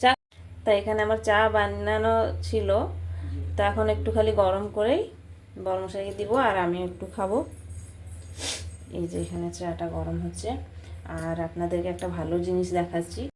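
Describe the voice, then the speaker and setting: A woman's voice: mid-range voice, level tone, moderate pace, pauses often, darkish tone, a little hiss or hum. A woman chatting casually to her viewers as she films a home vlog on a phone camera. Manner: chatty, friendly, often addresses viewers as friends. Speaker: home vlogger.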